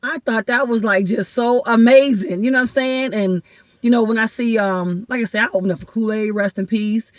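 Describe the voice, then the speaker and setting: Woman, from Ohio, guest comedian, excitable rambling storyteller, high voice, dry muffled recording. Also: a little fast, no room sound. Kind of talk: casual podcast chat. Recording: dull lo-fi dry sound.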